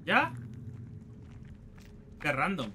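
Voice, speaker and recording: A man's voice: on the high side, wildly swooping pitch, drawn-out words, pushed and bright, slight background noise. A man with a Spain Spanish accent giving crude, joking let's play commentary and taunting the enemies he fights. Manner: swearing, joking, talks to enemies. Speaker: gaming youtuber.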